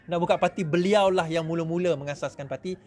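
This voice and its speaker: A middle-aged man with a Malaysian accent, giving an animated speech to supporters, mimicking others in quick asides and laughing often. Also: a little high, noisy background. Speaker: politician speaking to supporters.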